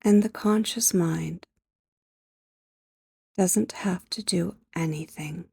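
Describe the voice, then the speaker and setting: In a fairly low, soft, breathy near-whisper, a woman guides listeners through sleep hypnosis. She speaks gently and in a measured way, pausing at length, close on the mic, with no room sound around her.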